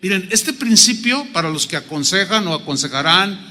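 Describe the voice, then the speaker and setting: A man with a Mexican accent preaching a sermon as pastor, humorous and animated, acting out little dialogues. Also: sits high, moderate pace. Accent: Mexican Spanish. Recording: long reverb of a big hall.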